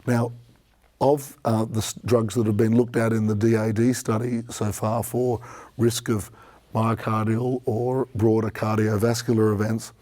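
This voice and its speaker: A man with a hoarse, croaky voice presenting an expert conference review in a measured, explanatory way. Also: fairly low pitch, flat delivery, warm tone. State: croaky from a strained voice this week.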